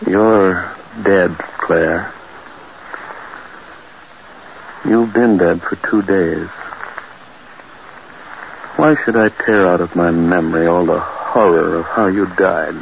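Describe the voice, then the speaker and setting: A haunted, frantic widower. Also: male voice, mid-range voice, expressive, unhurried, long pauses. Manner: gasping, feverish, swings from gruff to frantic shouting. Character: horror-stricken man haunted by his wife's death. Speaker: lead in a radio horror play. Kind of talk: 1940s radio acting. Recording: muffled old radio recording with loud hiss.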